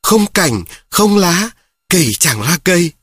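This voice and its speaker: A bunch of petty, jealous wild mushrooms from a children's story gossip in a high, pinched voice, as a man reading aloud puts them on. They sound sneering and louder than the narration, with a husky edge. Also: sing-song, a little slow, dry recording, studio quality, full character voice. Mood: scornful.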